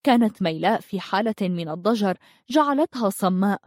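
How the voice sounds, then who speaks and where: A woman reads a dramatic novel aloud in a steady storytelling voice. Her pitch sits in the middle. The recording is dry and close. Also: brisk, no echo. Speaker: narrator. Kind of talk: audiobook narration.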